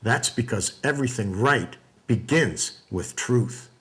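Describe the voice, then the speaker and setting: A man giving scripted documentary narration in a measured, deliberate way. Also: medium pitch, lively intonation, fairly bright tone.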